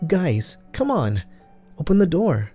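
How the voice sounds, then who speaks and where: A man voicing a creature that fakes a young woman's voice, at first sweet and calm, then spiteful and taunting. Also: on the high side, slow, faint music behind, voice pushed up, exaggerated voice. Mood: coaxing. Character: door creature faking a young woman's voice, cruel.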